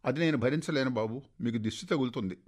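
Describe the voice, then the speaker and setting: A man voicing a caring young wife who fusses over her husband in soft, coaxing speech, within a radio story reading. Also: medium pitch, fast talker, natural voice. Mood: fond coaxing.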